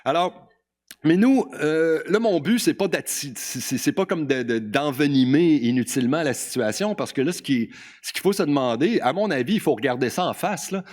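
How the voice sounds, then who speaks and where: A man's voice: fairly high pitch, expressive, moderate pace, darkish tone. A man with a Québécois French accent giving a conference talk, speaking informally, repeating words and often tagging "là". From Quebec. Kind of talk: conference talk quoting testimonies.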